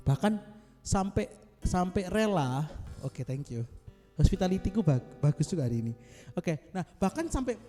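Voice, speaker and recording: A man's voice: high-pitched, mellow, big-room sound. A male pastor, giving a casual, joking devotional talk to a small group over a video call. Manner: joking, chatty, self-mocking.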